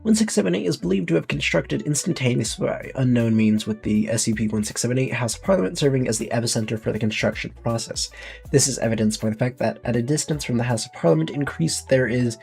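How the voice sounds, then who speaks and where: A man's voice: medium pitch, lively intonation, fast, creaky, a little mellow, faint music behind, poor audio. A man streaming, reading a document aloud with casual, thinking-aloud asides.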